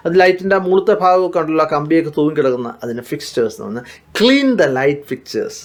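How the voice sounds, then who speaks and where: A middle-aged man with a Malayali accent teaching household phrases in a spoken English lesson, explaining at length and repeating each English phrase slowly. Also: on the high side.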